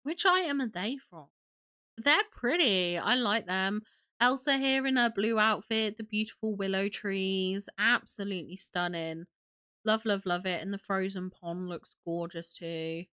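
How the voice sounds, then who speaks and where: A woman's voice: medium pitch, a little slow, pushed and bright, smooth. A young woman hosting a casual livestream, sniffly from a cold, gushing and chatty as she greets viewers. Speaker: livestream host.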